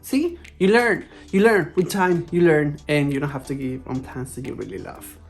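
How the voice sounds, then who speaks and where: Over background music, a woman who vlogs about plants talks casually and somewhat hesitantly in accented English, keeping things playful and informal. She has a low voice and speaks at a moderate pace.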